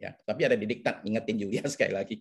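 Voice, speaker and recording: This counseling webinar lecturer speaks in a lowish, gravelly, husky voice, rapid-fire but steady in tone. Teaching over a video call, he keeps checking on his listeners with frequent "oke" and "ya."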